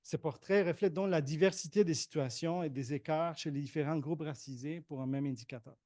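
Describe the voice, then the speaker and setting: A man presents statistics at a conference, reading prepared text in a measured way. His voice sits somewhat high for a man. The sound is dry and close. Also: mellow, no echo. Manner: measured, reads figures with occasional hesitations.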